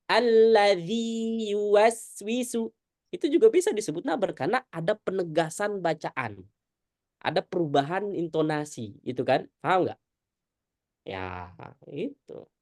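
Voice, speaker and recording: Woman, recitation teacher, low voice, animated, checks understanding often, video call, dry. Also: no echo. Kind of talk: online tajwid lesson.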